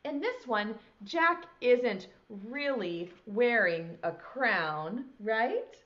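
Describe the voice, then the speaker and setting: A middle-aged woman teaching a children's nursery-rhyme lesson speaks very slowly with lively intonation, her voice a little high. As a preschool teacher hosting circle time, she's broad, singsong, and theatrical; a lapel mic in the small indoor classroom set yields lo-fi sound.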